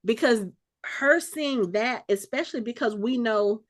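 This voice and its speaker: A woman co-hosting a casual podcast, talking over scenes in an animated way and acting out the exchanges as she recaps them. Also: on the high side, a little slow. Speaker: podcast co-host. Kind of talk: casual chat.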